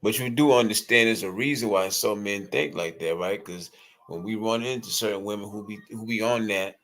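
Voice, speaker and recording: A man in a casual group chat, explaining his view in a measured way. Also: fairly low pitch, fairly bright tone.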